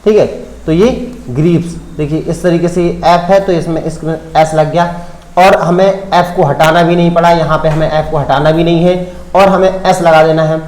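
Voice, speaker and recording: A man teaching an English grammar lesson, spelling words out letter by letter and often checking whether the point is clear. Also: a little high, fairly even intonation, normal speed, darkish tone, reverberant, low-quality recording.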